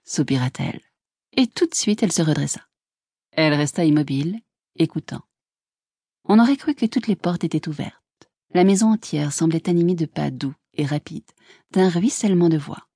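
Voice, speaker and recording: Audiobook narrator, woman, low-pitched, measured reading. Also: warm tone, breathy edge, dry recording, clean studio sound.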